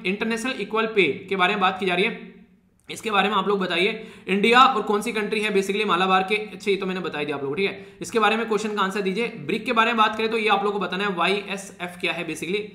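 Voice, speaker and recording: A man's voice: high-pitched, bright, forceful tone, echoey room. A man teaching a casual Hindi exam-prep lecture, chatty and teasing with his students, laughing often. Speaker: current affairs teacher.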